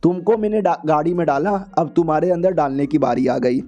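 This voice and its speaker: A man's voice: a little fast, dark tone, natural voice. A man voicing an arrogant, domineering rich young man who teases and orders people around. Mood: domineering swagger. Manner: low, bossy, teasing.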